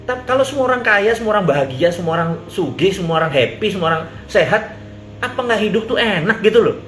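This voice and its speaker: A middle-aged man with an East Javanese Indonesian accent, giving a casual live-stream monologue. He talks bluntly, swears, mixes in slang and English words, and acts out quoted speech with big shifts in pitch. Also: lively intonation, fast, a bit bright. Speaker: businessman giving an Instagram live talk. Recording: echoey room with faint ambient noise.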